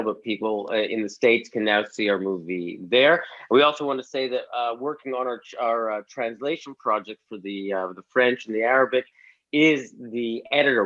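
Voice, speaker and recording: A man's voice: medium pitch, fairly bright tone, muffled recording. A man, guest on a casual online chat, thanking his editors and making joking asides. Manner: joking, self-deprecating asides. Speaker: comedy series co-creator, guest.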